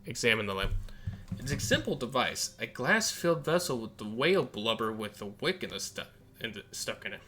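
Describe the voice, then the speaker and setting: A man's voice: mid-range voice, very animated, brisk, sharp tone. Playful man narrating a game. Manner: playful, easily amused. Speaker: let's-play gamer. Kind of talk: casual gameplay commentary, reading game text aloud.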